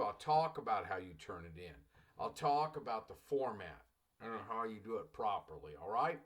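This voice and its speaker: A middle-aged college English teacher from Los Angeles, in the United States, gives a recorded class lecture in a slightly high, somewhat bright voice. His delivery is loose and digressive; he repeats phrases and keeps addressing his students as "class."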